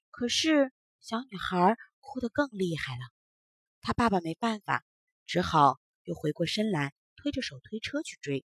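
Animated woman telling a children's story. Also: fairly high pitch, slightly rough, no room sound, clean studio sound.

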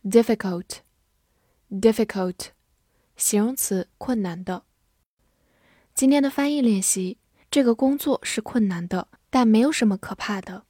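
A woman teaches English vocabulary in an unhurried, methodical way, spelling and repeating each word. Her voice sits at an ordinary middle pitch and sounds dry and close, with no room around it. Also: dark tone, dry recording. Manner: spells and repeats words slowly and carefully; asks viewers to comment and follow. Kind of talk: vocabulary lesson for learners.

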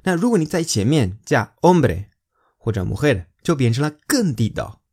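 A man gives a language lesson at an unhurried pace. His pitch swings widely as he leans hard on example words, and he repeats phrases slowly and clearly so learners can follow. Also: sing-song, darkish tone. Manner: exaggerated emphasis on example words. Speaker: Spanish teacher.

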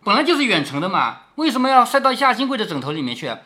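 A man's voice: sits high, big pitch swings, quick pace, sharp tone. A man reading a classic novel to his daughter and explaining it in a chatty way, often checking with "right?". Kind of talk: storytelling with commentary.

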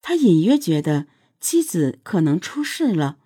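A woman's voice: lowish voice, very animated, measured pace, mellow, breathy edge, no room sound, clean studio sound. A woman working as a true crime narrator, reading a scripted case account in a suspenseful, dramatic storytelling way.

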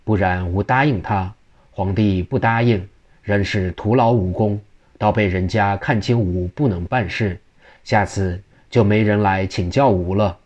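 A man voicing a calculating male imperial official who speaks in a measured, deliberating way. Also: fairly low pitch, darkish tone.

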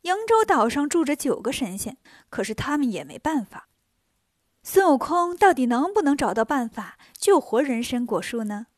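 A woman narrates a children's tale in a high, bright voice. She tells it in a lively, chatty way with playful asides. The sound is close and dry. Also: normal speed, no room sound. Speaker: storyteller.

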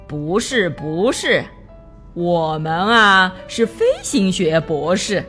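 A woman voicing a polite but scheming male stork doctor in a children's storybook, drawing out his words smoothly. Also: lowish voice, animated, fairly bright tone, faint music behind. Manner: drawn-out, smooth-talking.

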